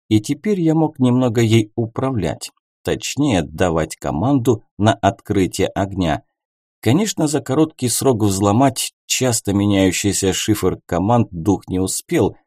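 A man reading an audiobook as its narrator, telling the story in a measured, expressive way. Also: lowish voice, dry recording, clean studio sound. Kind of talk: scripted narration.

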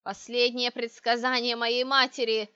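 A woman voicing a crooked, ancient witch who rants and wails in slow, drawn-out cries. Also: on the high side, steady tone, a bit bright, no echo. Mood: raving. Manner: slow, wailing, hissing rants. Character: crooked ancient female witch, shrieking, raving. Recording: dry, dull lo-fi recording.

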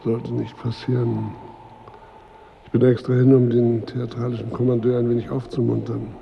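A man's voice: mid-range voice, monotone, normal speed, creaky, muffled recording, slight background noise, lightly acted. An actor playing a proud, irritable, world-weary king and husband in a radio drama, speaking in a pompous, sardonic, formal way. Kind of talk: literary radio drama acting.

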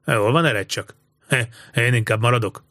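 A man's voice: mid-range voice, fairly bright tone, dry recording, clean studio sound, lightly acted. A man doing a wary, grumbling older boy.

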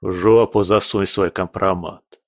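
A weary, disgusted general with a deep, grim and contemptuous delivery, played by a man in an audiobook. The voice sits low and the sound is dry. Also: steady tone, measured pace, no echo. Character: weary, disgusted middle-aged male general.

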